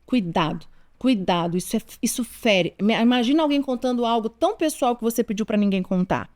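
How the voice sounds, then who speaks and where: A Brazilian woman in her forties talks straight to her audience about raising children. Her voice sits a touch high, and she is earnest and emphatic. She drives each point home by repeating it. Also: animated, quick pace, a little mellow. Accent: Brazilian Portuguese. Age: 40s. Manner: earnest, emphatic, repeats key advice, addresses listeners directly. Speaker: parenting advice host. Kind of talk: direct-to-camera advice talk.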